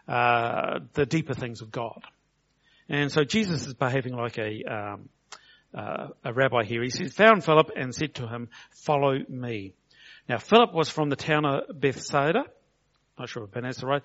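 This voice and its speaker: A man's voice: mid-range voice, fairly bright tone. New man preaching, lo-fi. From New Zealand. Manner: conversational, slows for emphasis, acts out quotes. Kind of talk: sermon. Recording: dull lo-fi recording.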